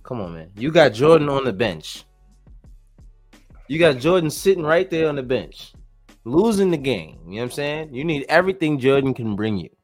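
New guy on a hoops podcast, lively and slangy, music faint in the back. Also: a little high, moderate pace. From New York area. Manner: animated, slangy, laughs often. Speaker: podcast co-host. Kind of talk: casual sports chat.

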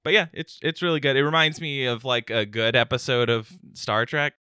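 Bright, clear-voiced casual podcast man. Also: mid-range voice, fairly even intonation, fairly quick, no echo, clean studio sound. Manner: laid-back, laughs often, lists rankings. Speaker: podcast co-host. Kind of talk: casual chat.

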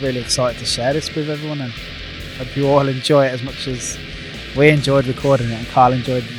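Male British podcast host, slightly high voice, enthusiastic casual chat with guitar music behind. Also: little pitch movement, brisk, rough recording.

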